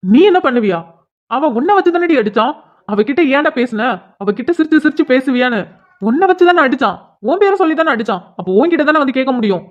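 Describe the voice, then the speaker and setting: Woman playing an angry older cartoon boy throwing threats, kinda high for a boy, dull sound. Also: animated, quick pace. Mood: threatening. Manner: shouting accusations, harsh threats. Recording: dull lo-fi audio.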